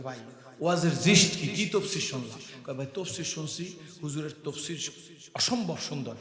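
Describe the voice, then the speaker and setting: A man preaching a sermon at a religious gathering, storytelling dramatically, acting out dialogue, swinging to shouts and chanted singing. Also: on the high side, reverberant, long reverb tail. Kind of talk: Bengali waz sermon with storytelling.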